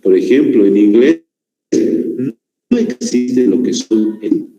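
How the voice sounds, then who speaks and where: A man's voice: medium pitch, expressive, slow, dark tone, faint music behind. A man lecturing a class as a teacher, constantly asking questions and checking in with his students. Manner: questioning, checks in with listeners often. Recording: echoey room.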